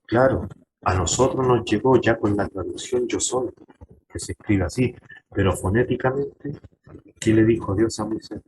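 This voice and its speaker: A man's voice: on the low side, moderate pace, a little mellow, a little hiss or hum, low-quality recording. A man pastor teaching a Bible class to his congregation, emphatic, turning to them with direct questions. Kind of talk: church Bible lesson.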